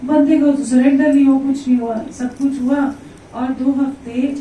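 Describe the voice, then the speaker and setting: A woman telling a personal devotional story to a gathering, animated and acting out the dialogue of the people in it. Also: high-pitched, normal speed, a little hiss or hum. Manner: animated, acts out quoted dialogue. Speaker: devotee sharing a testimony. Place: indoor devotional gathering with listeners present. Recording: echoey room, voice from a distance, faint ambience.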